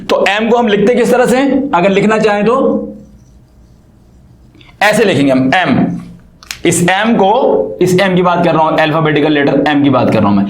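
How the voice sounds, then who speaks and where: Male English tutor, high voice, echoey room, asks and answers his own questions. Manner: repeats questions to the viewer and answers them. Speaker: English teacher. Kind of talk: explaining grammar lesson.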